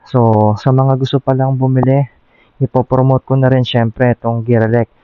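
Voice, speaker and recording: Speaking through a Bluetooth helmet intercom, a Filipino-accented man gives a relaxed product demo in vlog fashion as a motovlogger and reviewer. His mid-range voice is level, clean, and at normal speed, with a dry sound, but the dull mic lets in loud noise.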